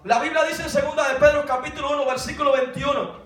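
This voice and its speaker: A man's voice: extremely high pitch, fairly even intonation, quick pace, fairly bright tone, heavy reverb, distant mic. A man pastor preaching a sermon and reading scripture aloud.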